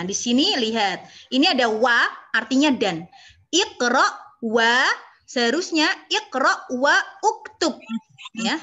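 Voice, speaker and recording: Bright-voiced woman teaching Arabic. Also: on the high side. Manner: patient, explains step by step, repeats "ya" often. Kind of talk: online Arabic lesson.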